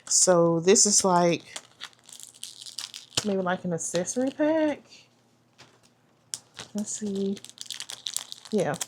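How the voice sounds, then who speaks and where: A woman's voice: mid-range voice, expressive, very slow, long pauses, noisy background. A woman chatting casually as she unboxes a planner subscription box, trailing off and restarting, and saying "y'all". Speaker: planner vlogger.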